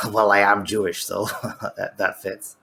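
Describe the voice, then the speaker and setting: A man calling in to an online debate, talking in a deliberately lowered, unnaturally deep put-on voice that sounds husky. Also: little pitch movement, pushed and bright. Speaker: caller debating the host.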